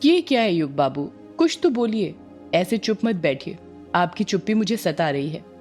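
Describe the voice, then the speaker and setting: A woman's voice: fairly low pitch, very animated, moderate pace, a little mellow, faint music behind. A woman voicing a playful, teasing young fisherwoman in an audio story, coaxing and affectionate.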